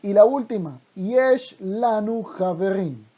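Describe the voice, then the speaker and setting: Language teacher, very slow deliberate delivery, mellow dark tone, dull lo-fi recording. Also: mid-range voice, animated. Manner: slow, deliberate, repeats each word twice. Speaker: Hebrew teacher. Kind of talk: online language lesson.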